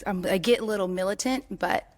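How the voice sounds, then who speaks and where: A woman's voice: medium pitch, fast talker. A woman in her thirties who answers matter-of-factly on a dating show. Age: 30s.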